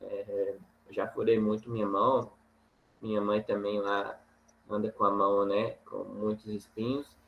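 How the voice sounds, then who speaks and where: A man teaching a farming course over slides, talking in a halting way with many fillers and tag questions. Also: fairly low pitch, level tone, gravelly, phone-quality sound, slight background noise. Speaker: agronomy instructor.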